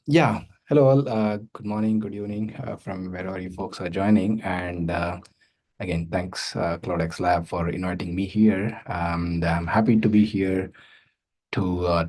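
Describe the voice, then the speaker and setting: A man's voice: sits low, darkish tone. A man giving a conference talk over a video call, loose and full of filler sounds. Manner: loose, many filler sounds and tag questions. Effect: heard over a video call. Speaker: guest speaker.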